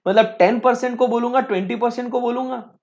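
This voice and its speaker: A man's voice: extremely high pitch, fairly even intonation, a little fast, vocal fry, a little mellow. Male teacher in a dull online lecture. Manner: conversational, keeps checking in with students.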